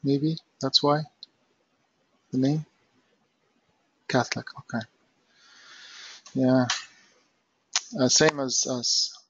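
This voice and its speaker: Husky middle-aged man. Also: medium pitch, steady tone, extremely slow, long pauses, fairly bright tone, dry recording. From northern Iraq. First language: Aramaic. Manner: chatty, hesitant, many fillers. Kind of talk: casual chat. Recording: dull lo-fi dry recording.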